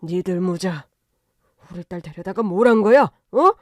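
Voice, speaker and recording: Woman doing a gruff middle-aged husband. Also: on the low side, steady tone, moderate pace, warm tone, dry recording, clean studio sound, lightly acted. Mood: furious. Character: stern middle-aged father, wealthy husband.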